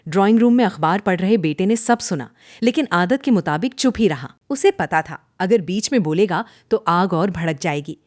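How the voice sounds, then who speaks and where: Lively woman narrating a cartoon story. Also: lowish voice, normal speed, hardly any pauses, dry recording, clean studio sound. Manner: dramatic storytelling.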